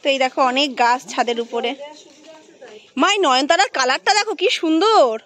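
A woman's voice: sits high, lively intonation, moderate pace, fairly bright tone. A woman vlogging a family visit, talking to a small child in coaxing, sing-song baby talk.

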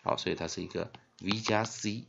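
A man teaching English spelling and phonics in Mandarin with a Taiwanese accent, spelling words out letter by letter and filling pauses with drawn-out "ah" sounds. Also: low voice, gravelly. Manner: spells words letter by letter, heavy fillers, lively emphasis. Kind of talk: classroom-style phonics lesson. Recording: dull lo-fi recording.

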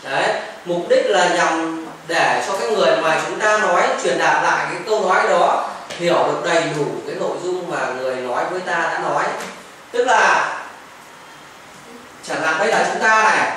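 A man's voice: a little high, normal speed, pushed and bright. Man teaching grammar in an echoey classroom. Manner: patient, repeats examples, mixes English phrases into explanations. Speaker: English teacher. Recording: echoey classroom from far off, faint noise. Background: children chiming in.

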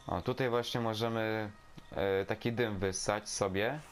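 Low-voiced man doing halting gameplay commentary. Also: steady tone. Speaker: gameplay video host. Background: video game sound.

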